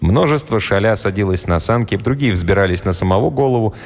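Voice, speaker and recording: A male audiobook narrator telling a story with lively, rising and falling intonation. His voice carries a long, roomy reverb. Soft music runs quietly underneath. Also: lowish voice, fairly quick. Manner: expressive storytelling. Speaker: audiobook reader. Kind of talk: scripted narration.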